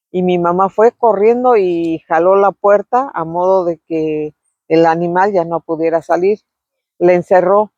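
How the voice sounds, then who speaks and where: A middle-aged woman, fondly telling memories of her youth in a casual, unhurried way, pausing often on filler words. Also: lowish voice, a little mellow, no echo, lo-fi sound. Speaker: vlogger sharing memories. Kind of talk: casual reminiscing storytelling.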